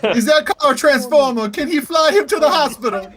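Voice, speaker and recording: A man's voice: very high-pitched, expressive, brisk, a crowd in the background. A man co-hosting a movie riff, rambling and hunting for words with lots of fillers. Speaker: co-host riffing on a movie. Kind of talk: comedic movie riffing.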